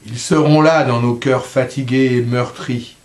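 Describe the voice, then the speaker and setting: A man reciting poetry in a slow, solemn voice, letting line endings drop softly. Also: mid-range voice, steady tone, echoey room. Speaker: poetry reader.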